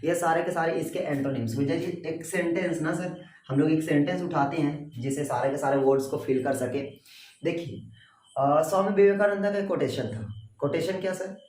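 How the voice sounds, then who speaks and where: A man teaching English vocabulary in Hindi, spelling words letter by letter and drilling pronunciation in a slow, drawn-out way, often calling his listeners sir. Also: a little high, darkish tone, a little hiss or hum. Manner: addresses viewers as sir and bhai. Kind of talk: Hindi vocabulary lesson with repeat-after-me drills. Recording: roomy echo, voice from a distance.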